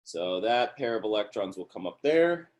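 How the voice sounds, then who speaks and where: A man's voice: fairly low pitch, sing-song, moderate pace, a little mellow. A man lecturing a class on organic chemistry in an upbeat review, often checking in with the class.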